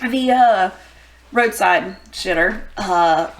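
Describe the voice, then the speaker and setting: A woman co-hosting a podcast, telling a work story in casual chat, pausing with fillers. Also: mid-range voice. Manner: hesitant, many fillers. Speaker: podcast co-host.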